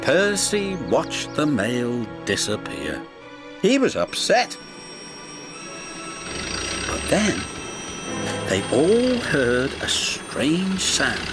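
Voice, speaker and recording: Lively, expressive male storybook narrator. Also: on the high side, extremely slow, pauses often. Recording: music behind the voice. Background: music.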